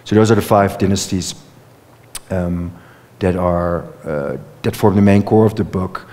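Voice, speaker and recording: He speaks in a low, slightly mellow voice at a little slow pace. A Dutch man in his thirties, this author and former reporter is answering questions in an onstage conversation in a lecture hall, fluent yet full of fillers and restarts, heard through a headset mic with long reverb.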